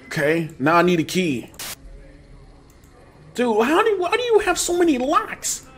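Streaming a horror game live, this young gamer chats anxiously with viewers in a small poster-lined room. His very high voice swoops wildly in pitch, though his pace stays measured, with slight background noise. Sudden loud yelps and bursts of laughter punctuate his jittery talk.

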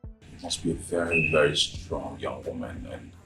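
A man's voice: a bass voice, moderate pace, vocal fry, music in the background. An actor with a Nigerian accent playing a recently divorced man who talks easily and laughs between his remarks. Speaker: boss's friend confiding in a young employee. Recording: echoey room with background noise.

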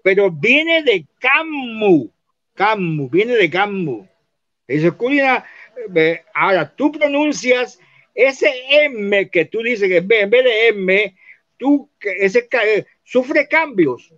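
A man teaching, explaining spelling and pronunciation slowly and repeating words to show how they sound. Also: sits high, lively intonation, fairly bright tone. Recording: dull lo-fi recording.

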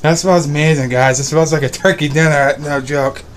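Young guy cooking vlog at home, kinda high voice, rambly and repeats himself, phone at arm's length, faint room hum. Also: steady tone, normal speed. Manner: rambling, repeats words, upbeat. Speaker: vlogger. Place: small home kitchen and bedroom indoors. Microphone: phone camera at arm's length.

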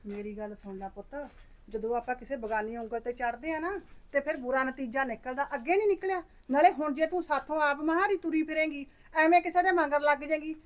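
A woman's voice: high-pitched, a little fast, lightly acted. A woman playing a scolding middle-aged mother. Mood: lecturing. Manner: scolding, lecturing. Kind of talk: Punjabi family drama acting.

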